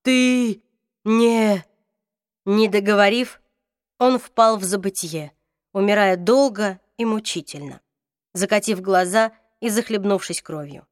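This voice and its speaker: A woman reading a fantasy audiobook with expressive, dramatic narration, voicing each character. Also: medium pitch, measured pace, no echo, clean studio sound. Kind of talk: scripted narration.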